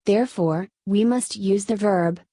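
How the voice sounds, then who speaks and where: A woman's voice: medium pitch, unhurried, no room sound. Spanish-accented woman teaching grammar, dry. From Spain. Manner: steady, step-by-step explaining. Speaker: Korean language teacher. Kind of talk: scripted lesson narration.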